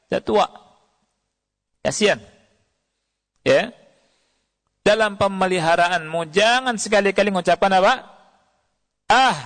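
Male preacher, fairly high gravelly voice, quizzes his audience. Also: fairly bright tone. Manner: quotes Arabic verses and asks the audience questions. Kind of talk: sermon. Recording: long hall reverb.

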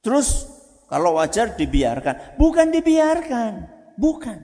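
A man with a Javanese accent, an ustaz giving an animated religious talk to parents, often asking the audience rhetorical questions. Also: extremely high pitch, unhurried. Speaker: ustaz, Islamic preacher. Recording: reverberant hall.

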